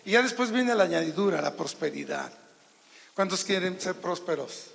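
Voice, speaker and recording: A Mexican pastor preaches with emphatic force, his voice pitched high with a gravelly edge. He talks into a handheld microphone, and his words ring through a reverberant church hall. He calls questions out to the congregation. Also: lively intonation, moderate pace, a bit bright, a little hiss or hum. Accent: Mexican Spanish. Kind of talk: sermon. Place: church sanctuary.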